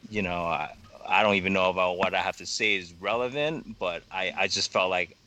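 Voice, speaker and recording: A young man talking as a podcast guest in a halting, rambling way, full of fillers and swearing. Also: low voice, sharp tone, slight background noise. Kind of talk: casual podcast conversation.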